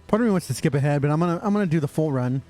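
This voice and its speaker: Sarcastic young guy, gameplay commentary, mellow tone, quiet music behind. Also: fairly high pitch, lively intonation, very fast. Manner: sarcastic, mocking, talks to himself. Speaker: streamer.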